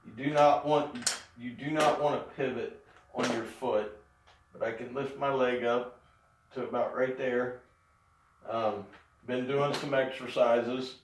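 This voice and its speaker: Middle-aged man, casual vlog update, halting delivery, roomy echo, distant mic. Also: mid-range voice, steady tone, background noise. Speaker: vlogger giving a health update. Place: indoors in an echoey room. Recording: echoey room, distant mic.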